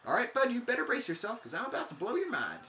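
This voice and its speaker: A let's player voicing an excitable male rock creature, with a laid-back surfer drawl and a bit of hillbilly twang, who keeps calling the listener "bud.". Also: medium pitch, fast talker, echoey room, slight background noise, voice pushed up.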